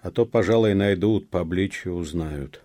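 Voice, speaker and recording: A man reading an audiobook voices a blunt, loyal young peasant man in a plain, steady voice. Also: low-pitched, normal speed, dry recording, clean studio sound, close to an everyday voice. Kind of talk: audiobook character voice.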